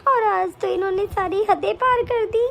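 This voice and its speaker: A woman voicing a young wife in an animated story, worried and pleading with her mother-in-law. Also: very high-pitched, moderate pace, gravelly, heavily acted. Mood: tearful. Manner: pleading, complaining.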